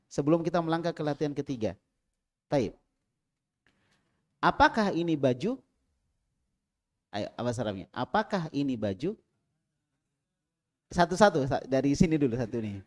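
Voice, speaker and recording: A man with a slightly high voice leads an Arabic class in a small prayer room, calling on students and drilling them. He alternates loud prompts with quiet asides.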